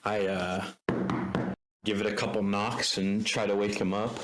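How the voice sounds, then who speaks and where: A man playing a tabletop game, calmly describing what his character does. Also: lowish voice, a little slow, heavy background noise. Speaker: player.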